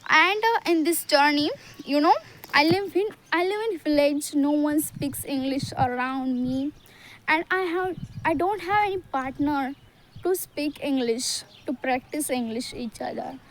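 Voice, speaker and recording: A woman with an Indian accent from Maharashtra, talking to camera in halting learner English with many hesitations and restarts. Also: sits high, a little hiss or hum. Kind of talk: casual talk to camera.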